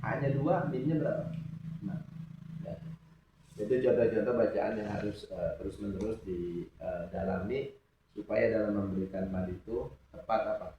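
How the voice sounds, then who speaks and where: Male religious teacher, lowish voice, quizzes students as he goes, echoey distant recording. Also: normal speed, pauses often, warm tone, slight background noise. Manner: asks students questions and lets them answer. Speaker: Quran recitation teacher. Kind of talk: informal religious lesson. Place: mosque study hall. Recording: echoey room, distant mic, dull sound.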